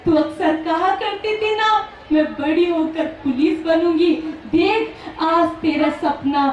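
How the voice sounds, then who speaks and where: A woman's voice: extremely high pitch, slow pace. A girl giving a speech voices a loving father who comforts his worried wife, delivered as a dramatic recitation over an echoey public address from far off. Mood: joyful. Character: loving father, then anxious husband.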